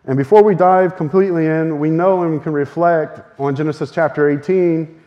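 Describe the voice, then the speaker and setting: Muffled audio carries a man's slightly high, steady-toned voice as he preaches a teaching sermon in earnest. He sounds a little strained, hurries in fast bursts, and laughs softly.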